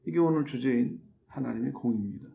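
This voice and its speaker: A male pastor preaches verse by verse and acts out the lines of God and Moses in dialogue. His voice has a strong gravelly rasp. The recording sounds thin and narrow, like a phone line. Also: mid-range voice, fast. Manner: explains scripture verse by verse. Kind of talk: sermon.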